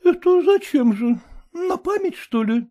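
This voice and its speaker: Brief: reader putting on a sulky plump young daughter, whiny, high and lively. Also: female voice, measured pace.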